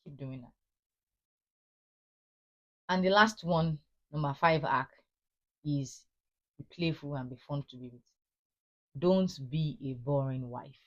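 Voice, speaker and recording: A woman's voice: low voice, slow, long pauses, dull audio. A middle-aged woman giving earnest, encouraging marriage advice and repeating phrases for emphasis. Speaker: marriage advice channel host. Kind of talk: casual advice talk to wives.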